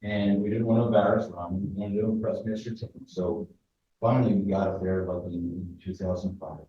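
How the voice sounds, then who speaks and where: A man's voice: low voice, fairly even intonation, fairly quick. A middle-aged man with a New Jersey accent, a martial arts teacher telling a memorial tribute in an anecdotal, self-deprecating way. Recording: echoey, distant, muffled with faint noise.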